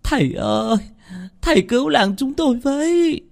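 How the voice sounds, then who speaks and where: A man's voice: very high-pitched, lively intonation, creaky, pitched above the performer's own voice, full character voice. A man doing a whimpering, wailing village woman. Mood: wailing, pleading. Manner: whimpering, drawn-out pleading.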